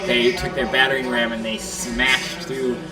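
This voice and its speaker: A man's voice: medium pitch, little pitch movement. Man recounting, music underneath. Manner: halting, plain retelling with fillers. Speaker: raid eyewitness. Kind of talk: casual interview testimony. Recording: distant mic with music underneath.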